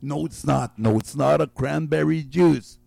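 A radio game show host with a fairly high, creaky, dark-toned voice runs a call-in guessing game, recorded with no echo. He's losing his voice, and he stretches out each guess, repeats it slowly, and chuckles along the way.

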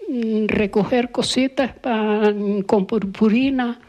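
An older woman with a Canarian Spanish accent, recalling her family's past in a halting, searching way during an oral history interview. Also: on the high side, fairly even intonation, mellow. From La Palma, Canary Islands. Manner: halting, reminiscing, searches for words.

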